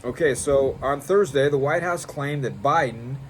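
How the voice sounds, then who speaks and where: An American man with a mid-pitched voice chats about politics as a co-host. His delivery is halting, sarcastic and full of disbelief. He is recorded outdoors with clear background noise. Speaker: co-host of a political commentary show. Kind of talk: casual political chat. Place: outdoors in a backyard.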